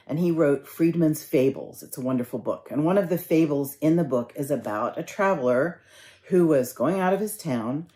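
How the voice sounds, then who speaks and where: Low-voiced woman minister, conversational. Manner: conversational storytelling, gently instructive. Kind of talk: sermon.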